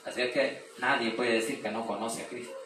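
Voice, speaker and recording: Echoey preacher in a Bible study. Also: male voice, mid-range voice, steady tone. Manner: reads scripture slowly and loudly, then explains with questions to the group. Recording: echoey room, mic far off, noisy.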